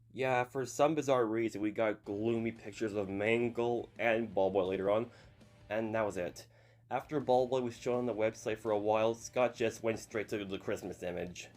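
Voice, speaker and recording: This early-twenties YouTube host sounds young, with a voice on the low side and a little mellow. He keeps things casual, breaking in with chatty apologies.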